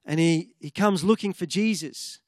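Male preacher, earnest sermon, fervent prayer, slightly higher voice, dry close sound. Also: moderate pace, dry recording.

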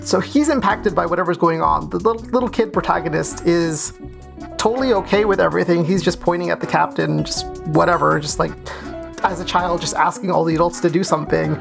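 A woman's voice: fairly low pitch, brisk, gravelly, music in the background. A woman describing a book's pictures in a rambling, casual way, full of fillers. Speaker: player describing illustrations.

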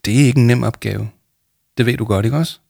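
A man playing a calm kindly counsellor. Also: mid-range voice, creaky, no echo, studio quality. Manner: calm and gentle. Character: calm, kind adult counsellor Paul.

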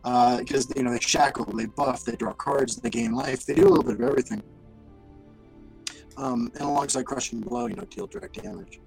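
Man, podcast co-host, gravelly fry, halting restarts, faint music under the voice. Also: medium pitch, wildly swooping pitch, a little mellow, rough recording. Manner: self-deprecating, laughs often, halting restarts. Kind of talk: casual podcast chat.

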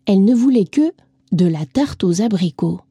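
A woman reading a storybook to children, gentle and lively, speaking straight to the young listener. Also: mid-range voice, normal speed, husky, no echo.

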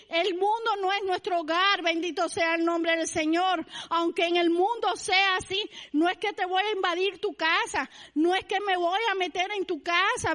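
A fervent Cuban woman delivers a sermon, her voice very high and bright with a strong Cuban Spanish accent. She keeps circling back to a blessing refrain. The sound carries a long church-hall reverb. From Cuba. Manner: fervent, repeats blessing refrain, acts out neighbors. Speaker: preacher.

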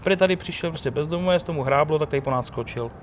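A man's voice: on the high side, a little hiss or hum. Chatty man telling street stories outdoors. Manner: animated storyteller, quotes others. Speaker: guest telling of police ride-alongs. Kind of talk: casual chat.

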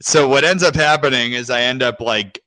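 Bright-voiced man telling a rambling story. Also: mid-range voice, normal speed, no room sound, poor audio. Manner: rambling, filler-heavy storytelling with acted quotes. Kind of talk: casual storytelling chat.

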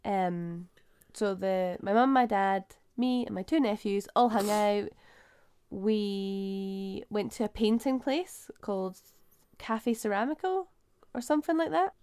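A woman's voice: medium pitch, slow, a little mellow, clear, resonant tone. A Scottish woman co-hosting a podcast in casual, informal chat. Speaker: podcast co-host.

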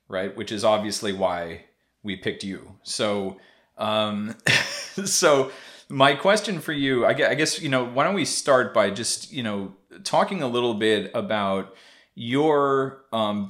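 A man's voice: on the low side, a bit bright. A man hosting a casual podcast interview, rambling through his questions with many restarts and easy laughter. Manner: rambling, full of fillers and restarts, laughs easily. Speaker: podcast host.

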